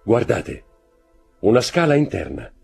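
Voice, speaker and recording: A man's voice: fairly low pitch, sing-song, measured pace, creaky, darkish tone, husky, faint music behind, pitched above the performer's own voice, exaggerated voice. A man reading an audiobook, voicing a cold, imperious nobleman who gives commands. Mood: commanding.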